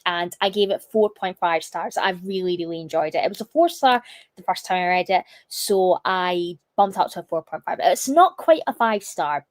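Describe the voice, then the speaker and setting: Woman, young, livestream host, chatty with fillers, slightly croaky, dry close sound. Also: on the low side, no room sound. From United Kingdom. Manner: chatty, reads chat comments aloud, many fillers. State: slightly croaky from a lingering cough. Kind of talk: casual livestream chat.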